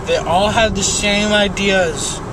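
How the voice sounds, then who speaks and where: A man's voice: high voice, steady tone. A man who is groggy and loopy after wisdom teeth surgery, rambling in an indignant rant. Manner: rambling, slow, indignant mock-political ranting. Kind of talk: rambling casual monologue. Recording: noisy car interior, road noise.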